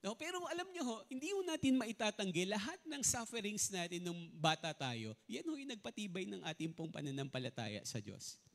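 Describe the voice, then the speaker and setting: A pastor with a high, bright voice preaches a sermon, his pitch swinging widely as he speaks fairly quickly. He often mixes in English and frequently asks the congregation whether they follow.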